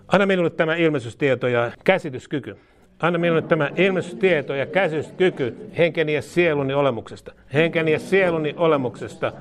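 Fervent praying man, slightly high voice. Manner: fervent, chanting, repeats each phrase twice. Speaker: preacher. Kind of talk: charismatic prayer with speaking in tongues.

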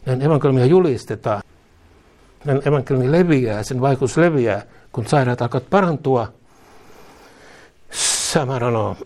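A man's voice: fairly high pitch, a little mellow. A middle-aged man preaching a fervent sermon, repeating phrases for emphasis and chuckling at his own asides.

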